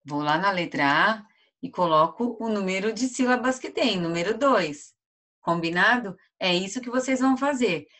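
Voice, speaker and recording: A woman's voice: medium pitch, expressive, moderate pace, a bit bright. A Brazilian woman teacher giving an online lesson to first graders, drawing out each word syllable by syllable. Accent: Brazilian Portuguese. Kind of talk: online lesson for young children.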